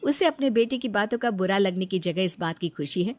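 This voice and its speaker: A woman narrating a scripted cartoon story in an even, clear storytelling manner. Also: medium pitch, brisk.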